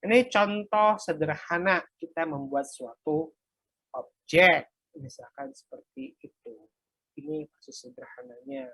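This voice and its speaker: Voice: medium pitch, sing-song, measured pace, gravelly, a bit bright, breathy edge, dry recording. A workshop instructor casually talking through a live coding example, thinking aloud while typing and muttering asides. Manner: casual, light laughs at own mistakes.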